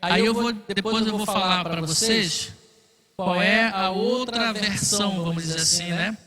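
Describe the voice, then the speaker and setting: A man's voice: sits high, a little slow, in a large hall, crowd noise. A man teaching a Bible study class, explaining patiently and checking in often with his listeners. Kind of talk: classroom lecture.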